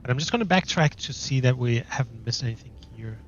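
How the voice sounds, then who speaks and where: Male streamer for casual gameplay commentary, medium pitch, slightly muffled lo-fi sound. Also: animated, fast, a little hiss or hum. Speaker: game streamer. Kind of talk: casual live gameplay commentary, reading dialogue choices aloud.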